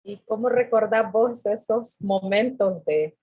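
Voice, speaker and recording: Husky-voiced woman interviewer. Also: mid-range voice, takes it slowly, a little mellow. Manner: hesitant, searching for words. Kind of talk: conversational interview.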